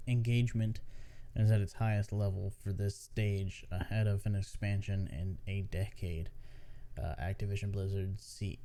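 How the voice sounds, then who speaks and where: A man's voice: lowish voice, mellow. A tired man hosting a casual gaming news podcast, rambling with many fillers and restarts. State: tired, yawning. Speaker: podcast host.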